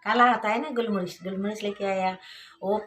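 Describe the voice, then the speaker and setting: A woman with an Assamese accent whose first language is Assamese, recounting a personal story unhurriedly, filling pauses with hmm and haan. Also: medium pitch, steady tone, fairly bright tone. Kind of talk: personal anecdote.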